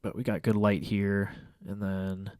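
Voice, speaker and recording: This is a young man's casual commentary on his own photos as a photography vlogger, recorded in a small home room by a window. Congested and stuffy-nosed, he rambles hesitantly, restarting often and filling gaps with fillers, in a low, smooth, clear, mellow voice with a flat, unhurried delivery. The recording is dry and close, with no room sound.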